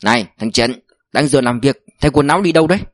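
A man's voice: medium pitch, expressive, fast, no room sound, natural voice. Man doing a cunning security boss, blunt, audiobook read, dry sound. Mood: scheming. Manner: blunt, bossy. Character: sly older male security chief, scheming.

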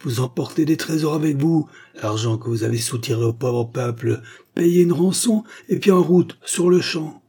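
A man reading aloud, voicing a brutal male village horse thief who stirs up a crowd with loud, accusing shouts. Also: a little high, normal speed, breathy edge, voice pushed up. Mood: shouting.

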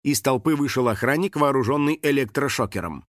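A man narrating a children's storybook in a lively, theatrical way. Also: mid-range voice, brisk, no room sound, clean studio sound. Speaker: audiobook narrator.

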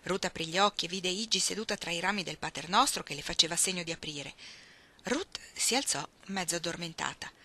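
A woman reading a novel aloud with steady, expressive storytelling. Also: lowish voice, a little fast. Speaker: reader. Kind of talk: audiobook reading.

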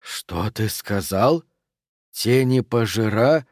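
A man voicing a dreamy, lovesick stranger from a dead city in an audiobook, with slow, drawn-out, theatrical phrasing. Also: a little high, no room sound, clean studio sound, voice pushed up, close to an everyday voice. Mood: frightened. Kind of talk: audiobook character voice.

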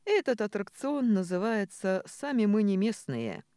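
Brief: woman reader playing a jovial, loud bearded villager, dry close recording. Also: medium pitch, big pitch swings, a little slow, clear, resonant tone, dry recording, voice pushed up. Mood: jovial teasing. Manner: laughing, loud.

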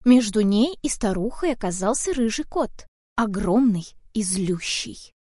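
A woman narrating a fairy-tale audiobook in an expressive storytelling manner. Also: mid-range voice, measured pace, slightly rough, no room sound, clean studio sound.

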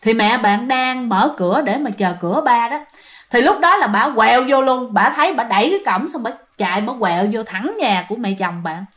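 A woman tells a ghost story in a casual, chatty way. She speaks straight to her listeners, and her voice sits slightly high. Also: expressive, a little fast, fairly bright tone. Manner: chatty, addresses listeners directly.

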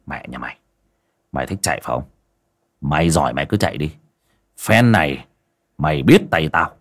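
A man voicing a hot-tempered young male exorcist, gruff and cursing through clenched teeth. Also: on the low side, lively intonation, normal speed, fairly bright tone. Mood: furious.

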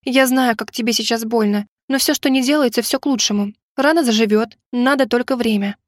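A woman reading an audiobook voices a cheerful, caring young female friend in a lively, teasing, higher-pitched way. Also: fairly quick, dry recording, clean studio sound, close to an everyday voice. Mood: consoling.

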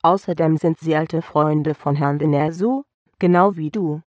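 A man's voice: fairly high pitch, a little slow, a little mellow, no room sound, highs cut off, close to an everyday voice. A man voicing a woman who urgently coaxes a friend into helping with a scheme. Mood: coaxing. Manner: urgent, coaxing. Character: pleading woman plotting a scheme.

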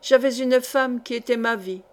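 A woman's voice: on the high side, fairly even intonation, a little slow, natural voice. Female reader voicing a bitter middle-aged nobleman bent on revenge, grave delivery, storybook. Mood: anguished. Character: embittered vengeful nobleman, middle-aged man. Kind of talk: audiobook character reading.

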